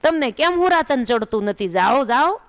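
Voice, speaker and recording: A woman voicing an ecstatic village man who loudly exclaims and urges others to come and see. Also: sits high, lively intonation, normal speed, pitched above the performer's own voice. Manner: loud, exclaiming, urging others. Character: ecstatic village man seeing divine light, excited.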